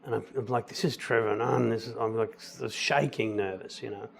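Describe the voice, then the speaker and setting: A middle-aged man talks as a guest in a relaxed interview. He tells anecdotes in an easy, conversational way, slipping into little voices for the people he quotes. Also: mid-range voice, fairly quick, creaky. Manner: animated storyteller, acts out quoted lines. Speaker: musical theatre actor, guest. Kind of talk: casual interview chat, telling anecdotes.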